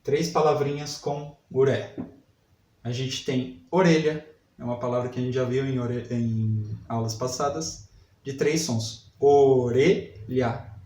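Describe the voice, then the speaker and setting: A man teaching a literacy lesson, sounding out syllables slowly and repeating each word. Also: mid-range voice, steady tone, darkish tone, recorded from a distance. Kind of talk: slow spelling lesson for adult learners. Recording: echoey room, voice set back from mic.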